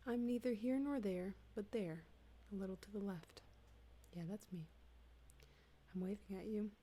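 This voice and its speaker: A woman reading humorous texts aloud in a soft, hushed ASMR style, slipping in and out of whispers, close to a desktop mic at home. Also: medium pitch, moderate pace. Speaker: ASMR reader. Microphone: close desktop USB mic.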